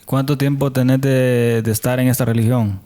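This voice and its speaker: A man's voice: mid-range voice, steady tone, moderate pace, dark tone. A man with a Honduran Spanish accent hosting a podcast interview, asking long rambling questions. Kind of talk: conversational interview.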